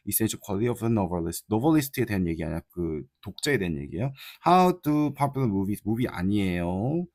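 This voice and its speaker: Korean teacher with a husky voice. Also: male voice, lowish voice, mellow, no echo, studio quality. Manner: talks to students, checks in with frequent tag questions; mixes Korean explanation with read-out English lines. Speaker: English teacher. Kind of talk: casual exam-prep lecture.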